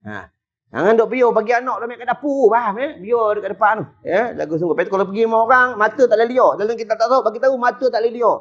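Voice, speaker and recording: Male preacher, Malaysian Malay accent, humorous lecture, high-pitched, dull lo-fi sound. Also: rapid-fire. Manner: chatty, tags lines with questions to the crowd. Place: mosque prayer hall.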